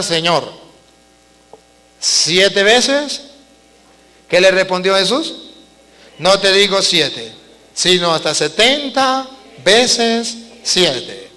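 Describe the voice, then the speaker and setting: A male Venezuelan priest preaching a sermon, emphatic and repetitive, swinging between soft and loud. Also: sits high. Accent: Venezuelan Spanish. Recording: long hall reverb with mains hum.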